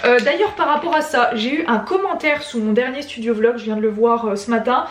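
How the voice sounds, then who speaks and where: A woman with a French accent and a distinctly high voice chats casually to her vlog audience. She is recorded at home, and the room adds a clear echo around her words. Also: fairly quick. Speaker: vlogger. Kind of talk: casual chatty studio vlog. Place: indoors at home. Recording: echoey indoor room.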